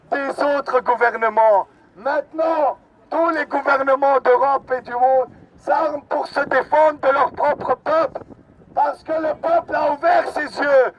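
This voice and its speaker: Man fired up at a rally, high voice, slow and shouty, crowd faint behind. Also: highs cut off. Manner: fiery, indignant, shouting. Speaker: rally speaker. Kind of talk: impassioned rally speech. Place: outdoor street rally.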